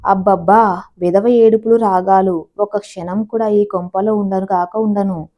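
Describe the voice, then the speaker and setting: A woman's voice: medium pitch, steady tone, measured pace, warm tone, natural voice. A woman voicing a short-tempered middle-aged husband who speaks in a dismissive, irritated way.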